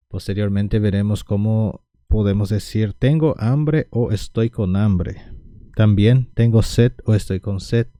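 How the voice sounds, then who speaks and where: A man teaching a Guarani language lesson, who speaks slowly and repeats words carefully for learners. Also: lowish voice, dark tone, no echo, clean studio sound.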